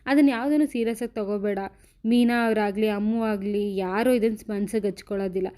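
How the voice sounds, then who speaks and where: Woman voicing a young husband, patient, calming his wife down. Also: mid-range voice, a little fast, lightly acted. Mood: soothing. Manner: calming, reassuring.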